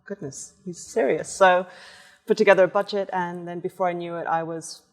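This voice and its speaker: A woman artist guest with a fairly low voice tells stories from her life in a lively, conversational way. Her voice carries a long reverb tail in the room. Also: moderate pace. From born in Portugal, raised in several countries. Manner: lively anecdotal storyteller. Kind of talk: conversational storytelling.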